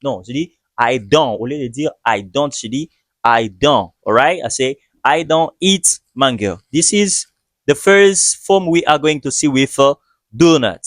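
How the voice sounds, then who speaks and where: A man teaching English in a video lesson, speaking patiently and repeating each example slowly. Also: mid-range voice, no room sound. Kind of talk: video lesson, slow explanation.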